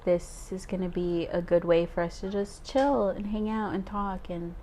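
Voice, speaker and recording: A woman's voice: medium pitch, steady tone, normal speed, dark tone, a little hiss or hum. A woman in her twenties co-hosting a podcast, chatting casually and laughing often between thoughts. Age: 20s. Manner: giggly, chatty, frequent "um" and "like". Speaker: podcast co-host. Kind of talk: casual chat.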